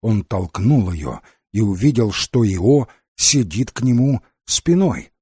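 A man narrating an audiobook in an expressive, dramatic reading. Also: lowish voice, slow, husky, no echo, clean studio sound. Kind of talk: scripted narration.

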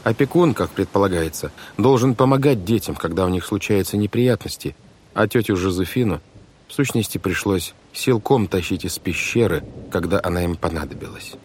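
A man narrating an audiobook in a measured, expressive storytelling manner. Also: deep voice, a little hiss or hum. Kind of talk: scripted narration. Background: music.

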